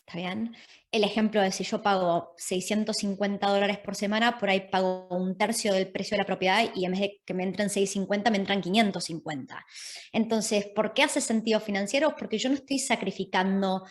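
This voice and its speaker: An Argentine woman talks through ideas in an interview, laying things out step by step. Her voice sits at an ordinary middle pitch. She pauses to check that she is being followed. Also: steady tone. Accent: Argentine Spanish. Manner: clear, explanatory, checks in with "is that okay?". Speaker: guest, property investment specialist. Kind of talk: podcast interview.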